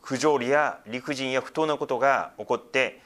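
A man's voice: mid-range voice, moderate pace, fairly bright tone. A middle-aged male pastor giving a sermon, explaining scripture with frequent asides and a conversational, teaching tone.

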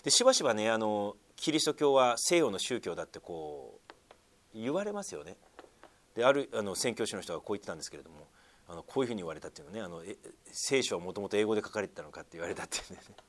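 A man preaching a sermon to a congregation, with frequent fillers, sometimes calling on listeners directly. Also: rapid-fire. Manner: lively swings in pitch and loudness, many fillers, asks congregation. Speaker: pastor.

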